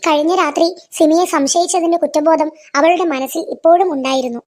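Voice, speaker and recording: A woman narrating a family moral story in a scripted, even storytelling manner. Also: sits high, fairly quick.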